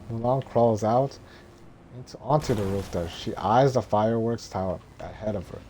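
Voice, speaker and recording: Low, mellow man droning through a script. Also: slight background noise. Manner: monotone, droning delivery; halting, stumbling over words. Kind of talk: scripted narration, reading a film script.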